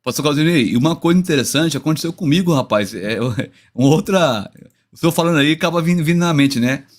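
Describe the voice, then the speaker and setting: Lively Brazilian man telling a story. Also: a little high, fast talker. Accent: Brazilian Portuguese. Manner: lively storytelling, hesitant restarts. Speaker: guest pastor.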